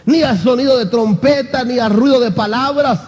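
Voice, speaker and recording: A man's voice: very high voice, moderate pace, a little mellow. A man preaching an impassioned sermon as pastor, addressing the congregation again and again as brother. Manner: impassioned preaching, often calling out "hermano". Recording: long hall reverb.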